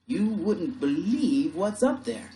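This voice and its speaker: A man's voice: high-pitched, big pitch swings, takes it slowly, roomy sound, slight background noise, pitched above the performer's own voice, full character voice. A man doing an astonished American sailor. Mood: calling. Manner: calls out loudly in surprise.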